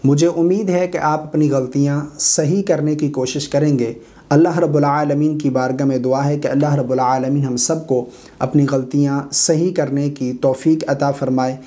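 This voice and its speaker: A man teaching Quran recitation, chanting verses in long drawn-out melodic lines and correcting common mistakes in quick spoken asides. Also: on the high side, steady tone, warm tone.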